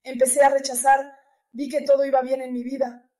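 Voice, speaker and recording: Woman, high voice, testimony speaker, earnest and repetitive. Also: flat delivery, fairly quick, warm tone. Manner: earnest, repeats key phrases. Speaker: church testimony giver. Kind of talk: personal religious testimony.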